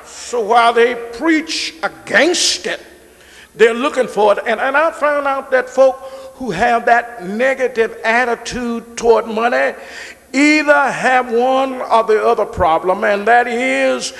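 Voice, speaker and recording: A man's voice: very high-pitched, measured pace, creaky, fairly bright tone, in a large hall. A middle-aged man preaching a sermon from the pulpit, stretching and repeating words and calling on the congregation to answer. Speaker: pastor. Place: large church sanctuary, behind a pulpit.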